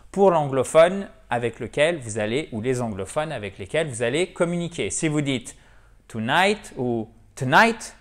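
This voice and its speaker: French man teaching English pronunciation. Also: mid-range voice. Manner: didactic, repeats words slowly for drill. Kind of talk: video lesson for French speakers.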